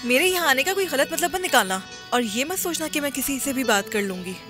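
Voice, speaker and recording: A woman's voice: high voice, expressive, a little fast, music in the background. A woman dubbing a film role, a proud young woman who speaks in a curt, dismissive, defiant way. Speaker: dub actress.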